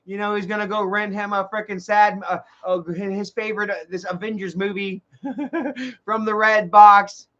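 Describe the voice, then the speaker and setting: A man's voice: high voice, steady tone, normal speed, bright, forceful tone, dull audio. A man, rambling and swearing in a casual live stream, often restarting his sentences. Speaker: livestream host.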